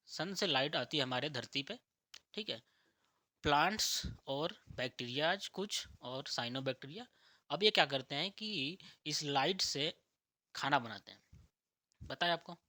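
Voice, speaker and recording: A man with a bright, slightly raised voice talks like a teacher. He keeps posing rhetorical questions, answers them himself, and often checks in with "theek hai". The sound is dry and close to the mic. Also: a little high, dry recording. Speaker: spiritual teacher. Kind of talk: explanatory talk on spirituality and nature.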